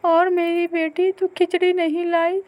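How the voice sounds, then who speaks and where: A woman's voice: very high-pitched, completely flat delivery, a little slow, a little mellow, voice pushed up. A woman voicing a fretful older female animal in a cartoon story, fussing over and soothing her daughter.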